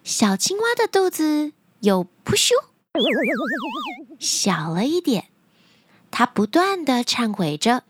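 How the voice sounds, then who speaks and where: A woman narrating a children's story in an expressive storytelling style. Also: fairly high pitch, slow, background noise.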